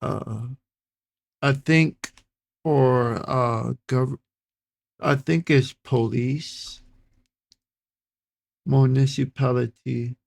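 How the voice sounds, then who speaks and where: A man reading an article aloud and reacting to it, stumbling over hard words and repeating them in a halting way. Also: mid-range voice, fairly even intonation, gravelly, no echo. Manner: slow, halting delivery. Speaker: streamer reacting to videos.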